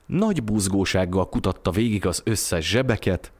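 A man telling a classic short story aloud in a lively, expressive narration for an audio storybook. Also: low-pitched.

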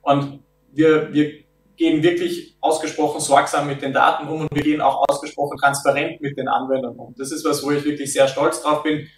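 A man in his thirties speaks in a slightly raised voice over a video call from an office meeting room. He explains step by step and keeps pausing on filler sounds. The sound is roomy and comes from some distance. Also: a little high, flat delivery. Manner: measured, with frequent filler sounds. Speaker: product developer. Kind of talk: explaining in an interview.

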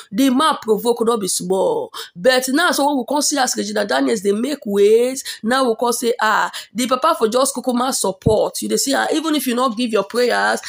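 A woman with a Nigerian Pidgin accent telling celebrity gossip in a dramatic, animated storytelling manner. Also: a little high, gravelly.

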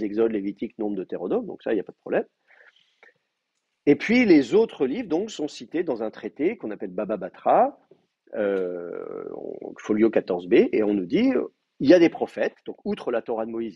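A man lectures a class, his pitch rising and falling in a lively, animated way over a mellow, slightly husky tone. He explains things patiently step by step, with plenty of hesitations, and the sound is dull and lo-fi, like a simple classroom recording. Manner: explains step by step with many fillers and checks with students.

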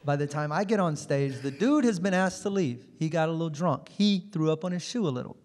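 A man doing stand-up comedy on a club stage into a handheld mic, telling stories in an animated, conversational way. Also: a little high, fairly quick. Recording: long reverb of a comedy club.

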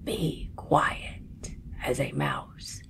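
A woman voicing a very old woman who speaks slowly and hushed, sinking into whispers. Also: deep voice, fairly even intonation, vocal fry, a little hiss or hum, exaggerated voice. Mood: hushed urgent. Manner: slow, hushed, drops into whispers. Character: very old woman, pitying, secretive.

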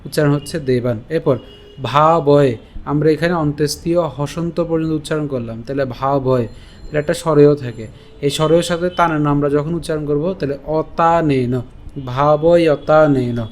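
A man with a slightly high voice gives an online recitation lesson. He explains how each syllable is pronounced, then recites and chants the verse slowly, sound by sound. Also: fairly even intonation, a little mellow. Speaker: Sanskrit recitation teacher.

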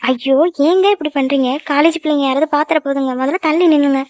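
A jealous young girlfriend in a cartoon, voiced by a woman in a high, rapid voice. She scolds and sulks in quick bursts. The sound is dry and close, with no room around it. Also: steady tone, a little mellow, no echo, natural voice. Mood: sulky, scolding. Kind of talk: cartoon voice acting.

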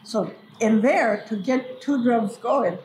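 Speaking slowly in a slightly high voice, an older woman who serves as a community elder and storyteller shares casual memories, echoing her own phrases for emphasis. The setting is a large hall in a cultural building, echoey and with distinct background noise.

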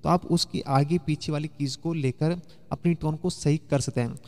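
A man's voice: fairly high pitch, steady tone, normal speed, a little mellow, big-room sound. A man teaching a keyboard lesson in a chatty way, explaining step by step and sometimes humming song lines. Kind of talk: casual spoken music lesson. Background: faint keyboard music.

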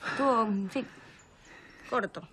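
A woman's voice: a little high, takes it slowly. An actress playing a teasing, dry-witted young mother in a telenovela comedy, speaking Rioplatense Spanish. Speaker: Carla, partner caring for babies.

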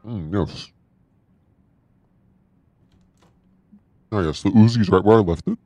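A man speaking through a voice changer that morphs his voice deep, voicing a gruff male detective and manager in a game with friends, with improvised, halting lines. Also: mellow, dry recording. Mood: offhand. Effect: deep voice changer altering his voice.

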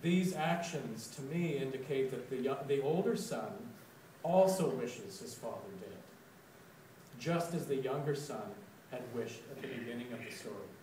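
A man giving a sermon reflection, telling a story slowly and deliberately. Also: mid-range voice, darkish tone, slight background noise. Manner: slow, deliberate storytelling, with dramatic quoted outbursts. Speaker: preacher. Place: church sanctuary. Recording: echoey church, recorded from a distance.

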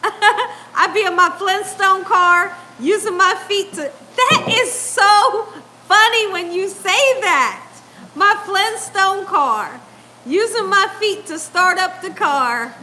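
A middle-aged woman, hosting a casual livestream from her home kitchen and reading out chat, laughing often and chatting in an animated way. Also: very high-pitched, a little hiss or hum. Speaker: cooking channel host reading live chat. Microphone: lapel mic.

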